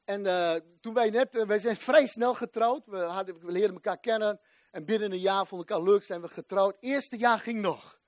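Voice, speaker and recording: A man in his forties preaching a fervent sermon, rising to shouts at the climaxes. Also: high voice, moderate pace, dry recording.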